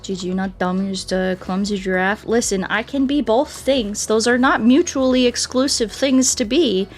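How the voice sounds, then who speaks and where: At a moderate pace and in a slightly high voice, a woman livestreams a game, chatting casually and reading out what her viewers write. She's expressive, playful and quick to laugh at herself, with game music in the background.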